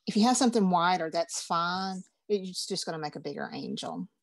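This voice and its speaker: A woman's voice: lowish voice, huge pitch swings, a little fast, no echo. A woman, teaching a craft class in a chatty, upbeat, folksy way. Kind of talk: casual craft class instruction.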